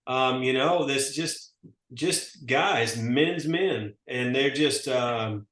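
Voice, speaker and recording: A man's voice: medium pitch, drawn-out words, a bit bright. Man in his forties, folksy, rambling, self-correcting, echoey room. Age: 40s. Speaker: network marketing presenter. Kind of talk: casual testimonial talk.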